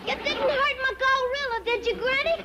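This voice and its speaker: Feisty granny, very high-pitched voice, noisy vintage TV sound. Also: female voice, fairly even intonation, muffled recording, over a noisy crowd. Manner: shrill, scrappy, quick-tempered. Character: feisty old hillbilly granny, scrappy and loud.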